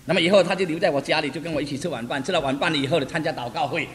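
A man's voice: on the high side, racing. A man preaching a testimony sermon, telling stories animatedly, repeating phrases and chuckling. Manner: repetitive, animated storytelling with chuckles. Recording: reverberant hall, faint noise.

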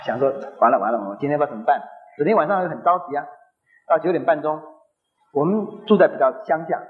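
Middle-aged man, animated testimony storyteller, high lively pitch, slightly dull recording. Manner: storytelling, animated, laughs often. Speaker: speaker sharing faith experience. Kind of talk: personal testimony.

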